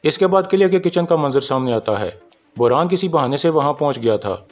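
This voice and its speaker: A man with a Pakistani Urdu accent retells a drama episode in steady scripted narration. His voice sits a little high for a man, and soft music plays faintly behind him. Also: a little fast. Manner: steady storytelling, reads out characters' lines in his own voice. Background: faint background music.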